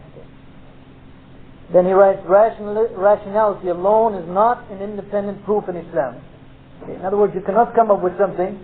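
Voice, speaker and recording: A man teaching an informal Islamic studies class, explaining step by step and dropping in Arabic terms. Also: sits high. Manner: explanatory, pausing for checks like "okay", peppered with Arabic terms. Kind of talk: informal lecture with question and answer. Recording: tinny phone-like lecture tape, faint noise.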